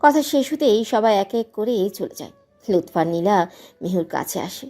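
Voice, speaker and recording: A woman's voice: medium pitch, normal speed, faint music behind. Emotive woman narrating a drama. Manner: emotive, expressive. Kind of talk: dramatic audio story narration.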